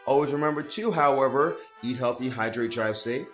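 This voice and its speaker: A man's voice: mid-range voice, a little fast, faint music behind. A man, a personal trainer, speaking to camera in an earnest, direct coaching manner in an advice vlog.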